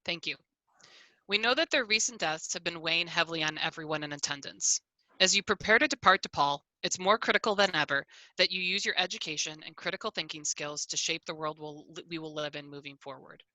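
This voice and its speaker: A woman welcomes graduates to a virtual ceremony over a video call. Her delivery is earnest and formal, read from prepared remarks with small restarts. Her voice is very bright and sounds dry and close to the mic, with a slightly low pitch. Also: brisk, no echo, rough recording. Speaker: ceremony host.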